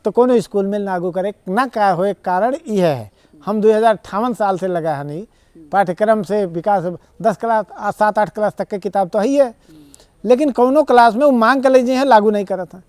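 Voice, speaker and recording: A man's voice: high-pitched, moderate pace, darkish tone, clean tone, no room sound. A man with an Awadhi accent, a guest in a TV interview, arguing his points earnestly in long rambling explanations. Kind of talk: conversational interview.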